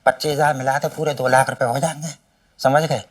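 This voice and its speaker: An actor playing a cheeky, boastful brother-in-law in a sitcom, brash and loud, with a lilt. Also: male voice, mid-range voice, little pitch movement, brisk, no echo, natural voice. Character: boastful scheming brother-in-law, Chhatanki Mama. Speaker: comic actor. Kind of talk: sitcom acting. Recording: dry, from a distance.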